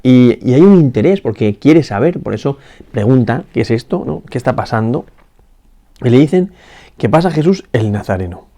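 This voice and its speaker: Mellow-voiced man giving a reflective meditation. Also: mid-range voice, expressive. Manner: unhurried and reflective, with many pauses, restarts and tag questions. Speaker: priest. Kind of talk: spoken meditation on a Gospel passage. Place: parish church.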